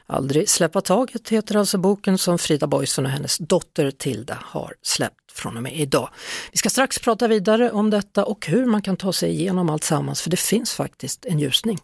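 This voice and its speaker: A woman radio host presents and questions her guests in a measured, gently probing way. Her voice is gravelly and husky. It is recorded dry and close. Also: fairly low pitch, lively intonation, no echo.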